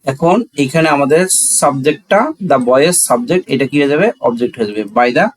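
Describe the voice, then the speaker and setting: Speaking a little fast in a mid-range voice, this Bangladeshi-accented man walks through a grammar lesson one step at a time, as in a classroom. He asks his own questions, answers them, and mixes Bengali with English, all captured on poor audio.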